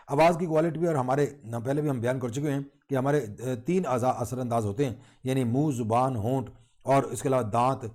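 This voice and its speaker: A middle-aged man delivers an online college lesson at an everyday male pitch, his voice mellow and soft-edged. He works steadily through his notes, listing one term after another in a patient teaching manner. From Pakistan. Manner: reads out lists of terms in a measured teaching tone. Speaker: college lecturer. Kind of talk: recorded online lecture.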